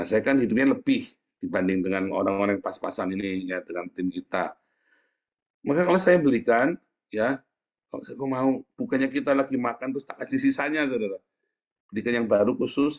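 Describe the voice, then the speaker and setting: Lively preacher, lower voice. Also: male voice, lo-fi sound. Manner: lively storytelling, laughs, swings from hushed to loud. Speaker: pastor. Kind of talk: sermon.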